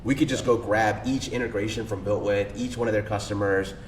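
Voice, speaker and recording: The guest, a cold email agency owner, keeps a steady tone and talks a little fast, sounding casual, enthusiastic and slangy with many fillers. The recording comes from a distant mic in an echoey room, with a faint rumble underneath.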